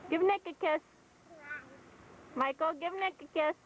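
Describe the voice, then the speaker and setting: A woman's voice: extremely high pitch, a little slow, slight background noise, poor audio. A woman filming a home video, coaxing and playful as she talks to a baby, heard on an old camcorder tape. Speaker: home video camera operator. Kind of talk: casual home video chatter. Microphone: camcorder built-in mic.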